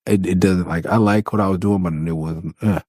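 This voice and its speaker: A Los Angeles rapper and podcast host with a low, nasal voice and a breathy edge speaks a little fast. The recording is dry with clean studio sound as he tells loose, profane, animated stories about making his album, quoting voices along the way.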